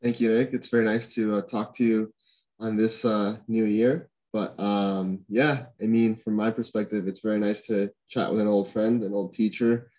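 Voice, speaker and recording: Young guy from honduras chatting on a podcast, lowish voice, lots of um and you know. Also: steady tone, normal speed, darkish tone, highs cut off. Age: young adult. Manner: thoughtful, lots of fillers and restarts. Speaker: podcast guest. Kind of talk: casual conversation.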